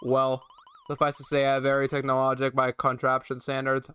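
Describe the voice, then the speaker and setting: A man's voice: mid-range voice, monotone, normal speed, sharp tone, clean tone, close to an everyday voice. A man voicing a formal talking suitcase. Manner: stiff, formal reading with stumbles.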